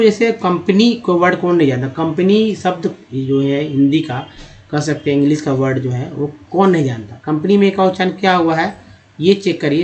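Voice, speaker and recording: A man teaching English pronunciation in Hindi, explaining step by step and asking questions that he answers himself. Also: on the high side. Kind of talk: classroom-style explanation.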